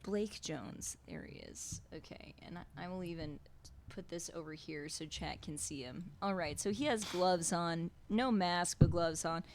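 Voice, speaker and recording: A woman's voice: fairly low pitch, unhurried, slight background noise. A woman running a live-streamed tabletop game as game master, chatty and self-deprecating with many fillers.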